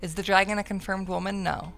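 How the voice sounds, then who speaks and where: A woman's voice: medium pitch, steady tone, fast, fairly bright tone, faint music behind. A woman giving casual, playful and irreverent commentary as she plays a game. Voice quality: creaky. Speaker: game streamer. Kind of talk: casual gameplay commentary, reading dialogue aloud.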